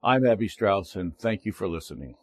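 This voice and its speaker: A man hosting a radio-style interview series, introducing it in a measured, welcoming way. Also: low voice, lively intonation. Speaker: host.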